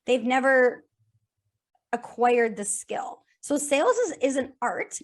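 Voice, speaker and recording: A woman guest on a podcast, talking about sales in a casual, energetic way, repeating phrases in lists and often restarting. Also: high-pitched, slow pace.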